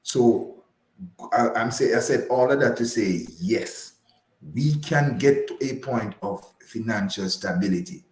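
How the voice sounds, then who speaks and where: A man with a Jamaican accent explains personal finance as a radio guest, giving conversational advice in an emphatic, didactic way, repeating himself and often checking in with the listener. His mid-range voice is unhurried and darkish. The recording is low-quality and reverberant.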